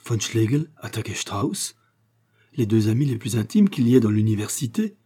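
A man voicing a terrified, guilt-stricken male museum curator who speaks hoarsely and frantically. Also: on the low side, steady tone, moderate pace, mellow. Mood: frantic. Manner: frantic, raised voice.

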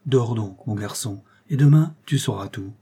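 A man reading aloud as a stern old professor, firm and fatherly in his storybook scenes. The voice is dark and mellow with a husky edge, and he gives his orders in a commanding tone. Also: on the low side, normal speed. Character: older male professor, stern but fatherly.

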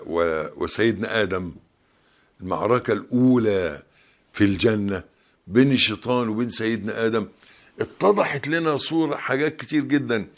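A man with an Egyptian Arabic accent giving a Ramadan sermon, colloquial and emphatic, pressing his points. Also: on the low side. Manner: colloquial, emphatic, rising loudness when stressing points. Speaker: preacher.

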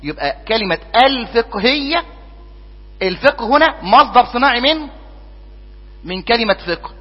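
A man with an Egyptian accent teaches in a high, breathy voice, prompting his class and then answering for them. The recording is muffled and lo-fi. His voice rings out with a long reverb through a lecture hall, and a mains hum runs underneath. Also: very animated, moderate pace. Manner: asks the class questions and answers them himself. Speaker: teacher of Islamic jurisprudence. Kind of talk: classroom lesson.

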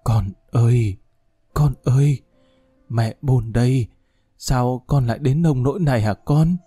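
A grieving old mother speaks softly through tears, as a man narrator puts her on. Her voice is mellow and warm, recorded dry and close for an audiobook. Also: lowish voice, moderate pace, no room sound, faint music behind, close to an everyday voice. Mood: tearful. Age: older. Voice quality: choked, tearful. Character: elderly Lao woman, tender and grieving mother figure.

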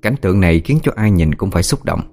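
A man reading a ghost story aloud in a slow, somber way. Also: low-pitched, lively intonation. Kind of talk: scripted horror story narration. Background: soft music with singing bowl.

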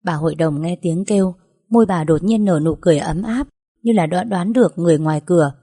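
Young woman narrating an audiobook, chatty and emotional, mellow dark tone. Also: fairly low pitch, a little fast, husky. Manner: chatty, emotional, playful asides. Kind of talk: first-person audiobook narration.

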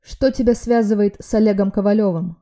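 A woman voicing a blunt male friend and security man who shouts and barks his lines. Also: mid-range voice, steady tone, fairly quick, pitched above the performer's own voice, close to an everyday voice. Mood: agitated. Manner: shouting, barking.

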